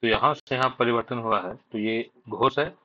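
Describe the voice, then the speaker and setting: A man teaching an exam revision lesson, slowly listing letters one by one. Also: medium pitch, pushed and bright. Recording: dull lo-fi sound.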